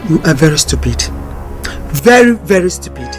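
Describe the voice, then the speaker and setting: A harsh Nigerian mother scolding her household in a film melodrama. Her delivery is lively and swinging. Faint music sits behind the voice. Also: sits low, normal speed.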